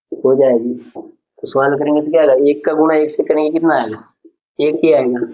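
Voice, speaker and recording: A man's voice: on the high side, dark tone. A man teaching a school maths lesson, patiently explaining each step and asking the class questions as he goes. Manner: patient, repeats questions to students. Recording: dull lo-fi recording.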